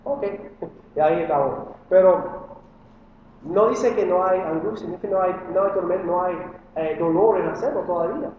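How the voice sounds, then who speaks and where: A high-voiced male pastor preaches from a distance in a big, echoing hall with long reverb. The sound is dull and muffled, with a faint hiss underneath. He speaks earnestly and plainly, and his voice leaps up when he acts out quotes and asks questions. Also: normal speed. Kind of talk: sermon.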